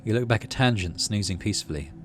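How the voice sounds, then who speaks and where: Over music, a man with a lowish, animated voice hosts a game playthrough for his gaming channel at a quick pace. He reads the narration aloud and mutters his thinking as he plays, all in a casual way.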